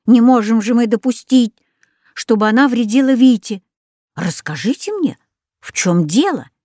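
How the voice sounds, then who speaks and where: A woman voicing a talkative male pet parrot in an audiobook story, with high, excited exclamations. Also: normal speed, no echo, studio quality. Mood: worried.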